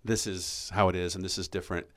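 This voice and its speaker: A man hosting a podcast in a casual, conversational way, measured and reflective. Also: low-pitched, little pitch movement. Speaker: podcast host.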